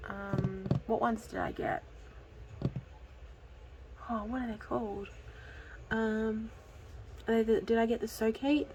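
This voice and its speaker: A woman's voice: fairly high pitch, darkish tone, a little hiss or hum, low-quality recording. A woman, hosting a casual budgeting vlog in a chatty, giggly way with frequent ums. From Australia. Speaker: budgeting channel host.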